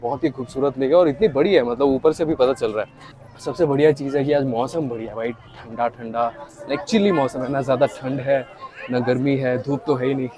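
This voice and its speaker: A man's voice: mid-range voice, brisk, crowd noise. Indian man vlogging outdoors among crowds. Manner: chatty, addresses viewers directly, mixes in English words. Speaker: travel vlogger. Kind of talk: casual travel vlog to camera. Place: outdoors at a busy hilltop temple.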